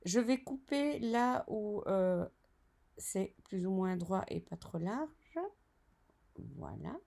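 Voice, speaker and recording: Slow, gravelly woman. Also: medium pitch, sing-song, mellow. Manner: chatty, narrates each step, self-correcting asides. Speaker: design software tutor. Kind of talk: screen-recorded software tutorial.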